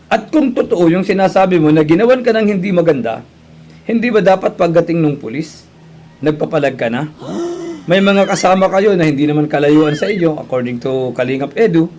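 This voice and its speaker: A man pressing a guest with insistent, pointed questions. His voice is high for a man and the words come quickly, with faint noise underneath. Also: animated, darkish tone. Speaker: show host questioning a guest.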